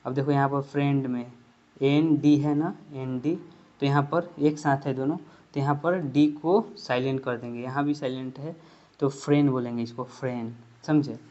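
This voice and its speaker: A man's voice: medium pitch, fairly even intonation, moderate pace, mellow. A man with a Hindi accent giving a spoken English pronunciation lesson, explaining step by step and repeating example words. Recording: dull lo-fi recording.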